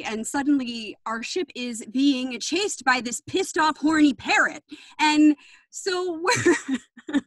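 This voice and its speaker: High-voiced woman telling a rambling story. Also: pushed and bright, dry recording. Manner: rambling, amused narration with fillers. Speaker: player. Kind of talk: improvised storytelling game. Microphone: video call.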